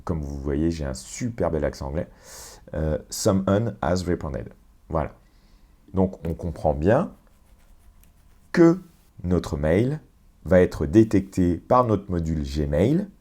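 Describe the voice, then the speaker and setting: A man walking through a software automation on screen, explaining step by step with fillers and self-corrections. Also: low-pitched, sing-song, takes it slowly, slightly rough. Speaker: tutorial presenter. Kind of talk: screen-share software walkthrough.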